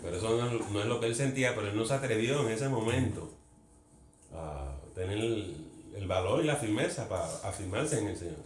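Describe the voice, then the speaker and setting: A man's voice: lowish voice, lively intonation, a little fast, a little hiss or hum. Earnest man teaching in an echoey room. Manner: earnest, questions the group, drops English words into Spanish. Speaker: Bible study teacher. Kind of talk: conversational Bible study teaching. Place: church meeting room. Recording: echoey room with faint ambience.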